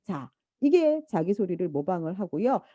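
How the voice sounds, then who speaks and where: A woman giving a lecture, lively and animated, now and then imitating baby babble and a mother's talk. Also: lowish voice, moderate pace, dry recording, studio quality. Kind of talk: university lecture.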